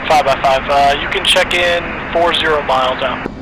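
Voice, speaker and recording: A man's voice: on the high side, normal speed. Man on crackly radio with static bursts. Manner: clipped, flat radio callouts. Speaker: air controller in a flight sim. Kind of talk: terse military radio procedure.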